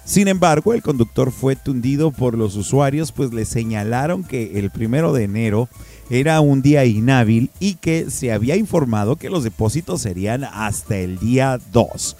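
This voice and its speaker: A man's voice: medium pitch, expressive, moderate pace, mellow, faint music behind. A man with a Mexican accent hosting a radio show in a casual, slangy, jokey way. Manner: slangy, jokey, often laughing. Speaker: radio host.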